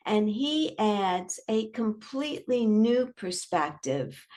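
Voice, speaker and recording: Slow-talking woman in her sixties hosting. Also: medium pitch. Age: 60s. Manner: chatty and candid, slow and unhurried. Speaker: podcast host. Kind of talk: podcast intro monologue.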